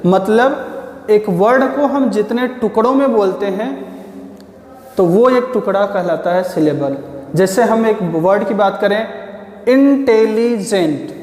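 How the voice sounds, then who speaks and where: A man's voice: high voice, unhurried, a little mellow. A man lectures like a patient schoolteacher, calling his listeners children. He keeps posing a question and then answering it himself. The room is roomy, with a long reverb trailing after his words. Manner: asks the class questions, then answers them. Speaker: teacher. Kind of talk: classroom-style lecture.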